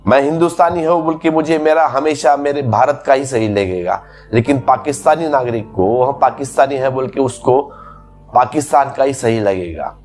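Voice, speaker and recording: A man's voice: medium pitch, moderate pace, a little mellow. Man giving a patient spiritual discourse. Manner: explains patiently with repeated everyday examples. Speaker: spiritual teacher.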